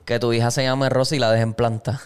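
A man's voice: medium pitch, flat delivery, fast talker, clear, resonant tone. A man co-hosting a podcast, rambling through casual chat and trading jokes. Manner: rambling, storytelling, trades jokes. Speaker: podcast co-host.

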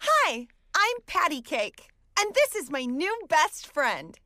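Kids' cartoon parody: sugary girl cake, extremely high, bright and childlike. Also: huge pitch swings, slow, no room sound, studio quality, full character voice. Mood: perky. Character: cheery, sugary girlish cake character.

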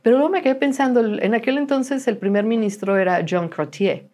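A woman's voice: fairly high pitch, fairly quick. A middle-aged woman chats as a guest in an interview. She tells her story with energy and acts out the voices of people in it. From Mexico. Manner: animated storyteller who acts out quoted dialogue. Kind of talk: casual interview chat.

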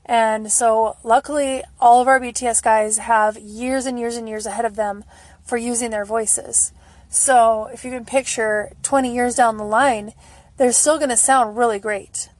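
A woman hosts a solo podcast from home, talking in an informal, rambling, casual way; the introduction was recorded in a stairwell. Her voice is fairly high and steady, a little slow, with no echo.

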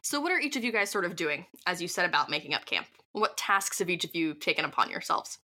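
A woman's voice: on the low side, big pitch swings, fast talker, bright, forceful tone. A woman narrating as game master of a tabletop game, chatty with many fillers and asides.

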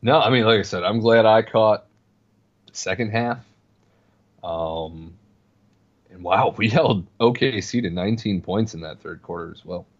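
A man's voice: fairly low pitch, measured pace, pauses often. Rambling male podcast co-host, slightly dull sound. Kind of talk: casual sports podcast chat.

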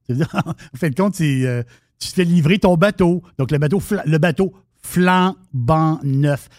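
A man's voice: a little high, moderate pace, darkish tone, dry recording, studio quality. A man with a Québécois French accent, co-hosting a radio show and telling a story in casual banter with many restarts.

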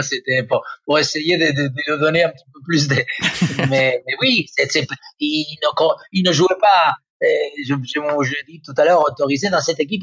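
A man's voice: on the high side, a bit bright, slightly rough, no room sound. A man in his fifties with an Argentine accent, a native Spanish speaker, talks football as a guest pundit. He hesitates often, restarting phrases and filling gaps as he searches for words. The recording is dull and lo-fi, with a dry, close sound. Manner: hesitant, many fillers and restarts. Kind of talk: radio football talk.

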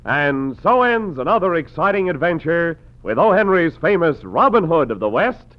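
A formal male announcer from an old radio broadcast, with a slightly high voice and lively intonation. His voice rings out with a long reverb tail. The old recording sounds dull, with organ music behind him. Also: moderate pace.

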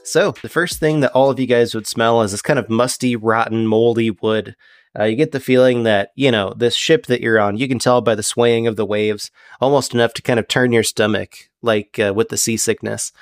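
A man's voice: medium pitch, moderate pace, no echo, studio quality. Man narrating as game master. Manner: descriptive, relaxed, uses many fillers.

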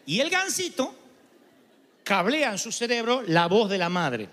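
A man with an Argentine Spanish accent preaching a sermon as pastor, animated and playful, imitating voices and honking sounds to make his point. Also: sits high, measured pace. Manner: animated, imitates voices and goose honks for humor. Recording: long hall reverb.

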